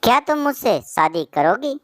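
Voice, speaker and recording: A woman's voice: on the high side, very animated, moderate pace, fairly bright tone, dry recording, studio quality. A woman voicing a vain, fickle young male pigeon in a cartoon. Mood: delighted.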